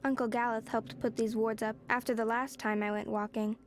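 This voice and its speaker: A woman's voice: fairly high pitch, flat delivery, a little fast, a little hiss or hum, close to an everyday voice. An actress playing a pensive, determined young woman with magical gifts, musing to herself in a video game monologue. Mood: wary, resentful. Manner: musing, thinking aloud to herself. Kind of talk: video game character monologue, thinking aloud.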